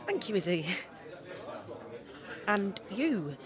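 Actress playing a flustered young woman on a date, lively up-and-down voice, faint crowd chatter behind. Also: mid-range voice, slow pace. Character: eager, self-conscious young woman on a date.

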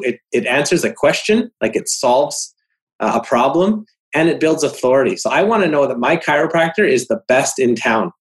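A man's voice: medium pitch, rough recording. A man explaining a website layout on a video call, casual and explanatory with fillers and restarts. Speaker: web design consultant.

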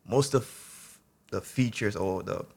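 Man, twenties, gravelly voice, Nigerian and Jamaican accent with a Hollywood tint, podcast guest, reflective, trips over words sometimes. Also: fairly low pitch, measured pace, darkish tone. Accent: Nigerian and Jamaican with a Hollywood-movie tint. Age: 20s. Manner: reflective, laughs often, stumbles over words. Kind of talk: casual podcast chat.

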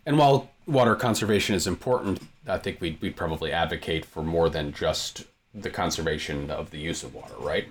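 Low-voiced guy hosting a podcast, jokey, lots of quick mm-hmms and okays. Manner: playful, brief backchannels and jokes. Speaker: podcast host. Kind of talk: casual interview chat.

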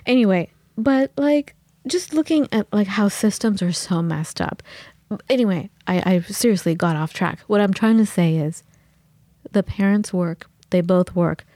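Dark-voiced woman telling stories. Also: mid-range voice, a little slow, no echo, studio quality. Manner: animated storytelling with acted-out quotes. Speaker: podcast co-host. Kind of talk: casual podcast conversation.

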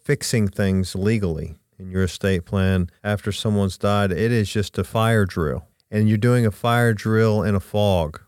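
A man's voice: fairly low pitch, unhurried, hardly any pauses, darkish tone, clear, resonant tone, dry recording, clean studio sound. A man in a conversational podcast talk, telling anecdotes and giving advice with emphatic repetition. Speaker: estate planning advisor, podcast guest.

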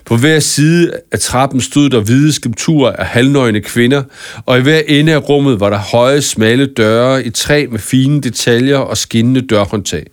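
A man reading a children's story aloud in a calm, even narration. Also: mid-range voice, no room sound, clean studio sound. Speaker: audiobook narrator. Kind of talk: scripted narration.

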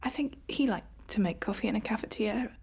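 An actress playing a calm, faintly sinister woman who speaks in soft, slow, soothing whispers. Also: medium pitch, husky.

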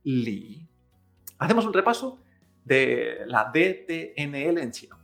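Young male teacher, fairly high voice, slow, patient lesson delivery. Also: big pitch swings, gravelly, a bit bright, faint music behind. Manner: slow, patient, demonstrating sounds. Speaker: Mandarin teacher. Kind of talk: language lesson.

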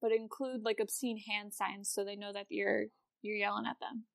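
A woman's voice: medium pitch, flat delivery, moderate pace, creaky, dry recording. An American woman co-hosting a casual comedic history podcast, with an irreverent, casually sweary way of talking. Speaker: podcast co-host.

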